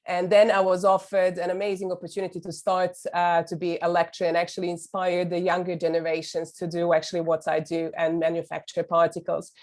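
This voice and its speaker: Woman from serbia giving a webinar talk, slightly low voice, friendly with lots of ums. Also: monotone, fairly quick, few pauses, a little mellow. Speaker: university lecturer. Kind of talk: webinar presentation.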